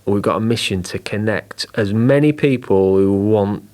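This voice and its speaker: Brief: middle-aged Yorkshire man, low-pitched, eager and chatty, talks in bursts of emphasis. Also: moderate pace, darkish tone. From England. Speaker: marketing director, podcast guest. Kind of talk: enthusiastic interview chat.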